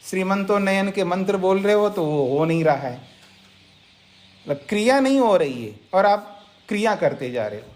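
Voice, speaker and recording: A man's voice: high-pitched, expressive, normal speed. A man, a monk, giving an explanatory scripture lecture, speaking directly to listeners and repeating key points. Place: ashram lecture setting.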